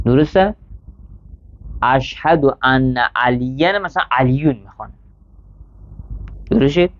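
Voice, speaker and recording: A man teaching a classroom lesson, reading Arabic text line by line, explaining it and checking with his students. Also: a little high. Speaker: seminary teacher. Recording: dull lo-fi sound.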